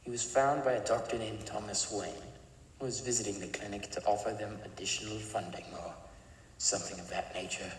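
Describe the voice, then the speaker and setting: A man voices a disfigured criminal chemist in fan audio drama acting, speaking in a very low voice that is calm, clipped, detached and matter-of-fact. His pace is a little fast and otherwise close to an everyday voice. The distant mic places him back in an echoey room with a long reverb tail and faint background noise underneath.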